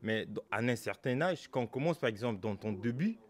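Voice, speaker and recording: A man hosting a sit-down interview. He asks his questions steadily and calmly, and he reins in his guest when the talk speeds up. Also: medium pitch. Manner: calm, slowing the guest down. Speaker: interviewer host.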